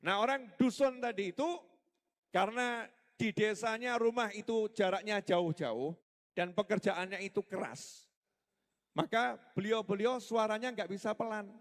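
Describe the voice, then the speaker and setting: A man's voice: high voice, unhurried. A man preaching a religious lecture, emphatic, posing rhetorical questions and repeating key phrases for stress. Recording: echoey hall reverb.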